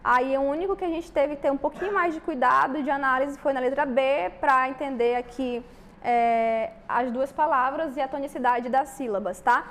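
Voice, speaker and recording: A woman with a Brazilian Portuguese accent leads an exam-prep grammar lesson in a high, light voice. She walks through each answer step by step and keeps checking in with her students. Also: moderate pace, fairly bright tone. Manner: explains step by step, with frequent "tá?" check-ins. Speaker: teacher.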